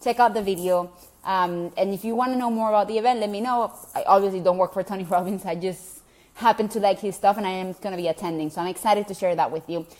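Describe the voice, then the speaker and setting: Her voice is medium-pitched and a little mellow, and she talks fast with a Venezuelan Spanish accent; she's from Venezuela and Spanish is her native tongue. Addressing her online group directly on camera as a gut health coach, she's chatty and encouraging, full of ums and restarts.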